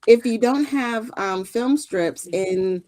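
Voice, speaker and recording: A woman with a slow, somewhat high voice co-hosts a scrapbooking livestream, with no room sound on the recording. Her chat while crafting is lively and joking, and she sometimes trails off into murmurs as she works.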